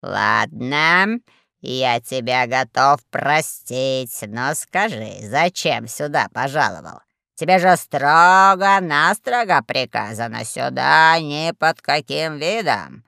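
A woman voicing a lazy, fat, menacing male crime boss in a storybook, drawling slowly and low. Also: animated, gravelly, bright, forceful tone, no echo, clean studio sound, exaggerated voice.

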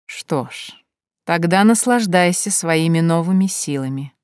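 A woman's voice: on the low side, animated, smooth, no echo, clean studio sound. A woman voicing a sinister otherworldly man. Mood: menacing. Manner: slow, drawn-out, dropping to a hush. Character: sinister otherworldly man, cold, silky and menacing.

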